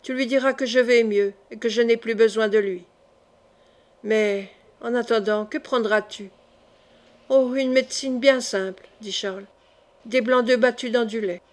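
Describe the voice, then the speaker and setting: A woman reading a classic novel aloud as an audiobook, voicing every part in the same steady narrating voice. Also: a little high, measured pace. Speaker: audiobook reader.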